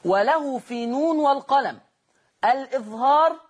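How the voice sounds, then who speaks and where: A middle-aged man with an Egyptian accent teaching Quran recitation rules in a broadcast lesson. He explains each rule, then recites the examples slowly and draws them out, and he turns to his students with quick asides. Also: very high-pitched, expressive, breathy edge. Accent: Egyptian Arabic.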